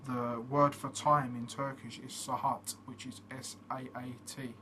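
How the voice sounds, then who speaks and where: A channel host gives a casual explanatory monologue, explaining plainly and steadily with frequent fillers. His mid-range voice is flat and a little slow, and the recording carries noticeable background noise.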